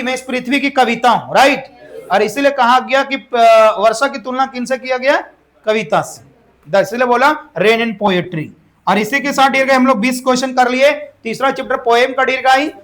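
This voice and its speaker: High, bright-voiced teacher quizzing students. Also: male voice. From India. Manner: repeatedly asks the class questions, drawn-out English words. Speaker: English teacher. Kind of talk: classroom lecture. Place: classroom.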